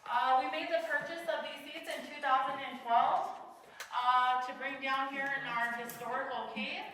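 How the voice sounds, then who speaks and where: A woman's voice: sits high, fairly even intonation, moderate pace, pushed and bright. A woman leading a cave tour in a casual, chatty way, her voice echoing off the cave walls. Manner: casual, chatty, gives safety reminders. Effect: cave echo. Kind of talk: guided tour talk. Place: inside a large cave. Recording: echoey cave voice from a distance, faint noise.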